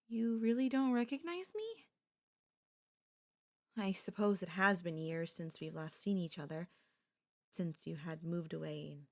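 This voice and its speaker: Soft, intimate and pleading, a young woman voices an obsessive, possessive kidnapper who is also a childhood friend in an ASMR roleplay. Her pitch is on the low side, and the mood is wistful and hurt.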